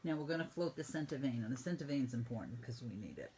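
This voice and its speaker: A woman painting instructor walking students through each brush stroke in a brisk, teasing teaching manner. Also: rumbling low, sing-song, background noise. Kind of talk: step-by-step painting lesson.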